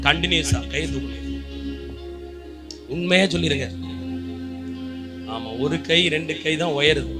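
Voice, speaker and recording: A man preaching a fervent sermon as pastor, pleading and exhorting his congregation and calling out for amens. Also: a little high. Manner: impassioned preaching, rising to shouts, calls for amen. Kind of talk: Tamil sermon. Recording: preaching with clear music behind.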